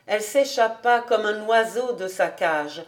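A woman reading a classic novel aloud as an audiobook, calm and even-paced. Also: medium pitch, measured pace. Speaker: audiobook reader.

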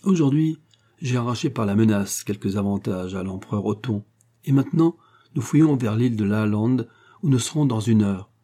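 A man voicing a suave, cunning gentleman-thief baron with a smooth, commanding and ironic manner in an audiobook reading. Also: on the low side, expressive, moderate pace. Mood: ironic, confident.

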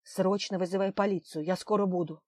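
An explosive, hot-tempered man who barks his lines, pitched up and loud in bursts, as a woman reads him. The narration around him is close and dry, like a spoken audiobook. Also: fairly even intonation, a little fast, no room sound, lightly acted. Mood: shouting. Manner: barking, shouting.

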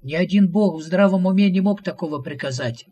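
A man's voice: high voice, a little fast, warm tone, husky, voice pushed up. A man voicing an exasperated male demiurge, speaking in a raised, protesting, flustered way. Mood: outraged.

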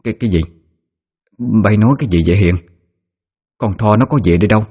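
A man's voice: on the low side, quick pace, mellow, breathy edge. A man with a Southern Vietnamese accent voicing a worried older mother-in-law, questioning anxiously.

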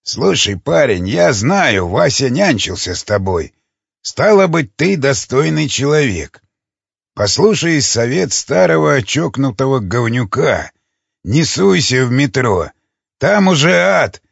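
A gruff, weary old cannibal lord, as a man acts him out in an audiobook, talking slow and low with a grumbling, fatherly edge. His voice is gravelly and husky. The recording is dry and dull. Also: big pitch swings, no echo, full character voice. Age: older.

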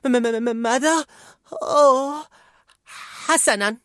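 A man's voice: extremely high pitch, slow, no room sound, studio quality, voice pushed up, full character voice. A man voicing the nervous male emotion Fear, stammering and panicky.

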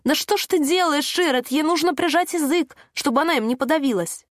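Woman doing a shrill bossy middle-aged lady. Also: expressive, normal speed, no room sound, studio quality. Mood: shrill indignant. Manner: shrieking, indignant. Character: shrill loud middle-aged female ex-hospital orderly.

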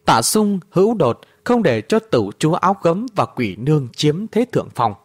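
A man's voice: a little high, sing-song, normal speed, breathy edge, no echo, clean studio sound. A man reading a martial-arts story aloud with dramatic narration.

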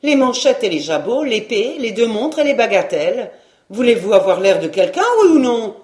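A bold, teasing young chambermaid, played by a woman reader. She speaks up higher and louder, pushing and joking. There is a roomy echo on the voice. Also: normal speed. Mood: bossy. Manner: lively, bossy, teasing.

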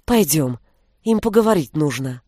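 A reader voicing a calm young woman who speaks softly and quietly, in a dry recording. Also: mid-range voice, measured pace, no echo, close to an everyday voice. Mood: hushed. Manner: hushed, soft-spoken.

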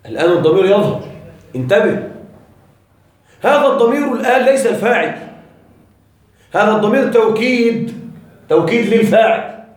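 A man's voice: high voice, expressive, moderate pace, long pauses. A man teaching a grammar lesson to a class, often checking that the students follow and repeating his key points. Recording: very echoey room, voice far from the mic.

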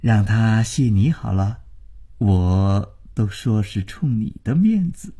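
Smug, flirty boss, read by a man: raspy, wheedling, lively pitch. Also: takes it slowly, heavily acted. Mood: haggling. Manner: wheedling, bargaining. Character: smug middle-aged male boss, flirty.

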